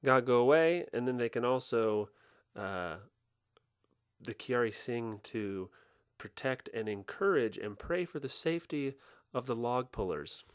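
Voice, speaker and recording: Joking man with a lively, swooping voice. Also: medium pitch, clear, resonant tone. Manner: joking, animated, quick deadpan gags. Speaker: podcast co-host. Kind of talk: casual commentary over festival video.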